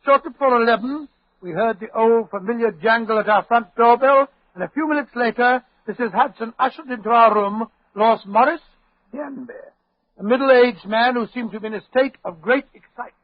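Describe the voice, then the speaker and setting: An older English doctor with a high voice, avuncular and a little blustering. He tells detective tales in 1940s radio drama style, on a muffled vintage recording. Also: brisk. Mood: genial storytelling. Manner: chuckling, avuncular, slightly blustering. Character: genial older English doctor recounting his detective adventures.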